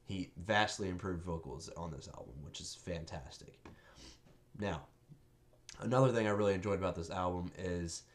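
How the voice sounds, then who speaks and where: A young man with a low, deep voice that sounds stuffed up and nasal from a cold. He talks casually and bluntly, brushing off critics as he reviews an album. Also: moderate pace. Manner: blunt, offhand, defiant.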